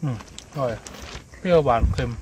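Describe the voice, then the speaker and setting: A young man co-hosting a camping vlog, tasting food and describing it in a relaxed, savoring way at a lakeside campsite. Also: normal speed. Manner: relaxed, savoring, lots of hums. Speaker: vlog co-host. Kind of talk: casual food-tasting chat. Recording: outdoor recording with loud wind and background noise.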